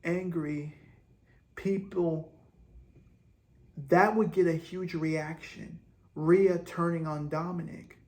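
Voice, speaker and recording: A man's voice: on the high side, steady tone, slow, long pauses, a little mellow. A man hosting a vlog, rambling through speculative wrestling storylines with hesitant restarts. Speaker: host. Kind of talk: wrestling fantasy-booking commentary.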